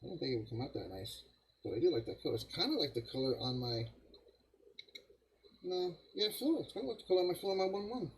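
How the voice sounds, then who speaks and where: A man's voice: fairly high pitch, sing-song, fast talker, slight background noise, low-quality recording. An older man hosting a live model-building stream, rambling casually to viewers and chuckling at himself. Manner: rambling, self-deprecating, chuckles often, talks to viewers as guys.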